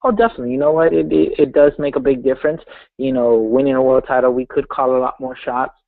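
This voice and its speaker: A man in his twenties, a professional boxer, talks in a casual phone interview over a muffled line. His medium-pitched, gravelly voice comes fast and dry with no echo, and he speaks earnestly and confidently in short bursts.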